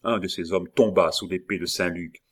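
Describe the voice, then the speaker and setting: This is an audiobook reading of a classic novel, voiced by a male narrator with a deep register whose storytelling stays even and measured.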